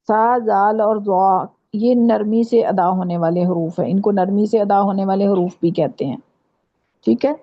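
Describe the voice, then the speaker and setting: Woman, Pakistani Urdu accent, recitation teacher, patient slow demonstrations, video-call audio. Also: medium pitch, gravelly. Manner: patient, repeats letters slowly to demonstrate. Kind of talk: online tajweed lesson. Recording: dull lo-fi online class audio.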